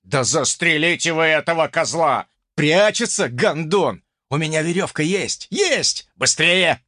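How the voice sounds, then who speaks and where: A man reading an audiobook voices a foul-mouthed male enemy commander who growls and shouts in drawn-out phrases. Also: on the high side, animated, no echo, clean studio sound. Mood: angry shouting.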